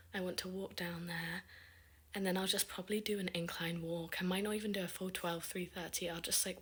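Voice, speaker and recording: Soft-spoken young woman vlogger, half-whispering. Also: lowish voice. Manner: soft, often whispered delivery; chatty, enthusiastic, many fillers like "like". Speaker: beauty vlogger. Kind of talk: casual vlog voice-over.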